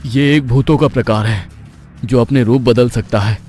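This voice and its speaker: A man voicing a nervous young husband in an animated horror story, talking in an anxious, excited way. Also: mid-range voice, moderate pace, soft background music, lightly acted.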